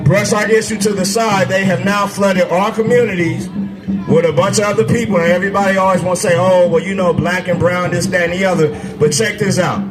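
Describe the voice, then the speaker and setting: A man running for office giving a conversational, forceful stump speech to a crowd at an outdoor festival. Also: sits high, steady tone, brisk, low-quality recording. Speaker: candidate for state assembly. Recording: music playing behind the speaker.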